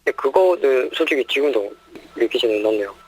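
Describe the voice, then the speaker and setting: Young man with a deep pitch-shifted voice. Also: expressive, slightly rough, poor audio. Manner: halting, hesitant, short answers. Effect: voice disguised, pitch shifted deeper. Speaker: interviewee. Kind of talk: news interview.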